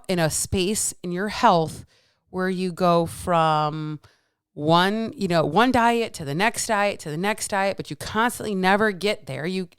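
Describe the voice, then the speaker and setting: A woman of about forty with a clear, smooth voice in a dry, close recording. She is wearing retainers, which slightly alters her speech. She talks like a candid podcast host, casual and emphatic, with swearing and repeated phrases. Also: mid-range voice, no room sound. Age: around 40. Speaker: podcast host, health coach. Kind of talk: casual solo monologue telling a story with lessons.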